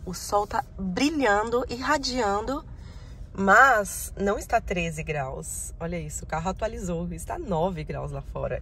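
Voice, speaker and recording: A woman's voice: fairly low pitch, fairly bright tone, slight background noise. A woman chatting casually to camera, affectionate and laughing often, filmed in her car and at home. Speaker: vlogger and mother. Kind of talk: casual vlog chat.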